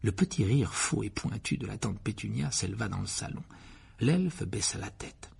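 Husky, gravelly male audiobook narrator. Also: fairly low pitch, lively intonation, moderate pace, a little mellow. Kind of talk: scripted storybook narration.

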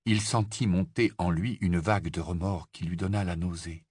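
A man narrating an audiobook with a measured, dramatic storytelling delivery. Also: low voice, fairly even intonation, a little mellow, husky, no echo, studio quality. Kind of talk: scripted narration.

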